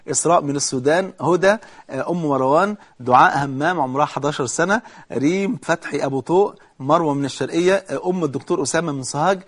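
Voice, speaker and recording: A man with an Egyptian Arabic accent giving a religious talk, reading out a long list of names and offering prayers, rising to fervent emphasis. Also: on the high side. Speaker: preacher.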